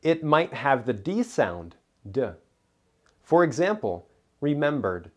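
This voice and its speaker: A man's voice: a little high, big pitch swings, unhurried. A man narrating a scripted English pronunciation lesson, carefully enunciating single words and example sentences.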